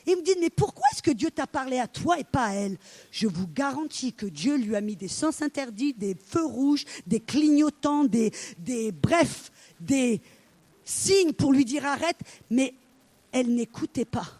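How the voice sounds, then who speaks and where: High-voiced woman preaching with animated storytelling. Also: unhurried. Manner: animated storytelling, acting out dialogue. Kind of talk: sermon.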